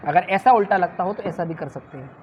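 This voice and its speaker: Female Sanskrit teacher, classroom lecture, quizzing style, muffled lo-fi recording. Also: fairly low pitch. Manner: quizzes the class and answers her own questions; drawn-out sounds in demonstrations. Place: classroom with students present. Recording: muffled lo-fi with faint noise.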